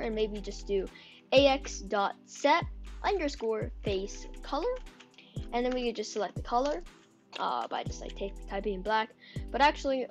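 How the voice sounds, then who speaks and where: A young woman giving a casual step-by-step coding tutorial, dictating code aloud symbol by symbol. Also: mid-range voice. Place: indoor room at a computer.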